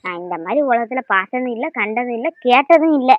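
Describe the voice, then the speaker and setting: A woman's voice: a little high, animated, quick pace, dull audio, a little hiss or hum, close to an everyday voice. A woman voicing a worried older mother in a cartoon, lamenting and complaining in long sighing runs. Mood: grumbling. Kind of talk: cartoon voice acting.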